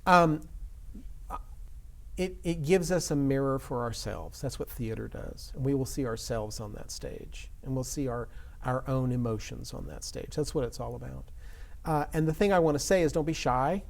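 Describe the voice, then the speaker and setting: A man's voice: medium pitch, normal speed, gravelly. A man speaking as an interview guest and theater educator, earnest and emphatic in conversational answers.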